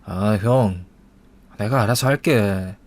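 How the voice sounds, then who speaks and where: A man's voice: lowish voice, slow pace, dry recording. A man doing a sulky lazy young man. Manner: whiny, evasive.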